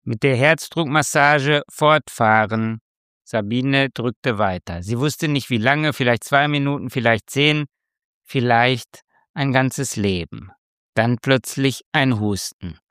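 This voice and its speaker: A man reading a tense story aloud as narrator, with slow, measured delivery. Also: mid-range voice, fairly bright tone, no echo, studio quality. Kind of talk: scripted narration.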